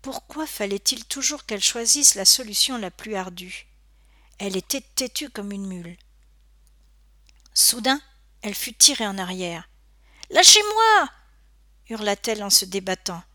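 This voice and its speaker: A woman narrating a children's adventure story aloud, with expressive storytelling that rises for suspense. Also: mid-range voice, moderate pace, dry recording. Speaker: audiobook narrator.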